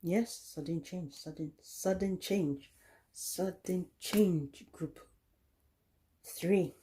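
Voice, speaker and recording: A woman giving a tarot card reading, talking in a slow, soothing way with many "okay?" tag questions. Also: on the low side, mellow, a little hiss or hum. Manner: drops into a whisper at times. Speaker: tarot reader.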